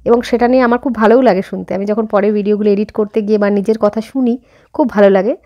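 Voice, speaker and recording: A woman's voice: medium pitch, fairly even intonation, rapid-fire, dark tone, highs cut off. Chatty Bengali woman with a slight rural lilt. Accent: Bengali with a slight rural Jessore-Khulna lilt. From India. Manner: chatty, addresses viewers directly, frequent fillers. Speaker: vlogger. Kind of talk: casual vlog narration. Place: home and outdoors while running errands.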